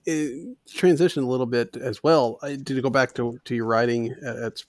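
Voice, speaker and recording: A man co-hosting a casual podcast, asking halting, easygoing follow-up questions. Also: mid-range voice, steady tone, darkish tone, no room sound. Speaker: podcast co-host.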